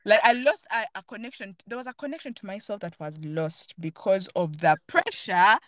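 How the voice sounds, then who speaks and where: A woman's voice: medium pitch, normal speed, a bit bright, no room sound. A woman hosting a podcast, talking earnestly and thoughtfully in a casual, reflective chat while searching for her words. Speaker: podcast host.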